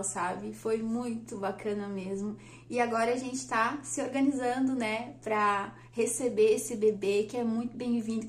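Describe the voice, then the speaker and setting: A woman, telling a personal story on her vlog in a chatty, lively way and laughing often. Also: a little high. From Brazil. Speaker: vlogger. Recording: echoey room.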